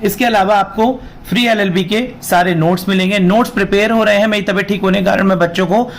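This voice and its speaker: A high-pitched male voice with a steady tone and a quick pace, over slight background noise. He is a law teacher with a sore throat running an informal online exam lesson, explaining and repeating key points in Hindi mixed with English terms.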